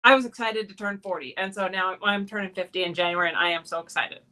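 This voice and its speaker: A woman's voice: mid-range voice, steady tone, quick pace, sharp tone. A woman in her late forties from Texas, a guest answering interview questions in a friendly way, with fillers and laughs. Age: 40s.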